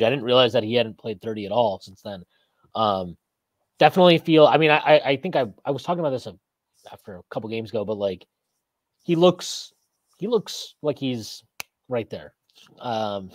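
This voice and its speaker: Lively, rambling podcast host man. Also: medium pitch, no echo. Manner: rambling, reads viewer comments, laughs often. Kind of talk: casual postgame chat. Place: small room indoors. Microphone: video call webcam.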